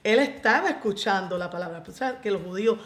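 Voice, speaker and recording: A Puerto Rican woman giving a lively faith testimony as a radio guest, acting out the voices in her story and slipping into English. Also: mid-range voice, brisk, echoey room. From Puerto Rico. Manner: animated storyteller, acts out quoted voices, mixes in English.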